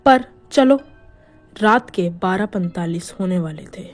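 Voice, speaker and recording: A woman narrating a scripted horror story in a hushed, suspenseful manner. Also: on the low side, animated, unhurried, faint music behind.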